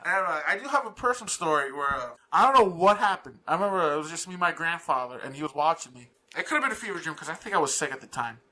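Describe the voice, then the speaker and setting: A man co-hosting a podcast, telling stories in an excitable, easily spooked way, with plenty of swearing. His voice is fairly high and very bright. He talks casually, like he is among friends. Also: fast talker, few pauses. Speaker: podcast co-host.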